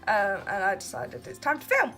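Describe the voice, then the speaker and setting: Her mid-range voice swoops wildly in pitch, bright and forceful at a moderate pace, with faint music behind. She's a vlogger in her twenties from Kent, England, relaxed late at night and chatting casually through get-to-know-me questions, self-deprecating and laughing often.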